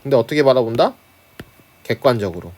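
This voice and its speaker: Lively-pitched man teaching a literature class. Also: fairly quick. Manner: conversational, keeps checking in with tag questions; starts phrases with a prompting filler, chuckles now and then. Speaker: high school Korean literature teacher. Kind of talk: online lecture on a class handout. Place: at home.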